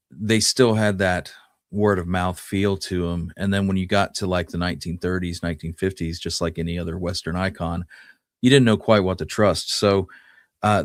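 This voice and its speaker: A deep-voiced man co-hosts a Western history show, explaining things in a casual, conversational way. The recording is clean studio sound with no echo.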